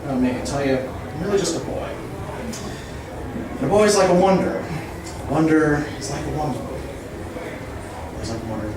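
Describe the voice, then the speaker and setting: A man's voice: fairly high pitch, moderate pace, long pauses. A man performing an escalating stand-up comedy rant, theatrically rambling through chains of wordplay and rhyme, recorded live. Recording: very echoey room, distant mic, clear noise.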